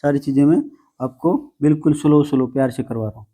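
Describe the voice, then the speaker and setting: A man's voice: a little high, fast talker, dark tone, slightly rough. A man teaching a math lesson to students, patient and coaxing, often calling them "beta" and teasing them a little.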